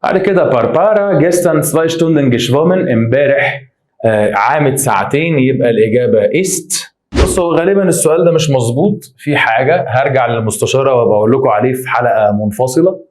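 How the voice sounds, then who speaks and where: Egyptian-accented man, brisk teacher's explaining, mid pitch, slow careful German. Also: darkish tone. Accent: Egyptian Arabic. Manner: quick explanatory, reads German slowly. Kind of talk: exam exercise walkthrough.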